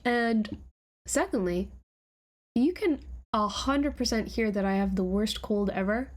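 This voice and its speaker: A woman's voice: medium pitch, measured pace. A woman live-streaming a reaction to her own old videos, chatting casually in a giggly, scattered, self-mocking way.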